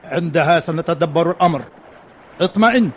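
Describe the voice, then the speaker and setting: An actor in an old Arabic radio drama playing a wry, authoritative ancient commander, speaking in measured formal lines. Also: male voice, on the high side, lightly acted. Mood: calm, commanding. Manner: measured formal delivery, dryly witty. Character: calm, wry, authoritative male Carthaginian army commander. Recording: muffled, hissy old radio recording.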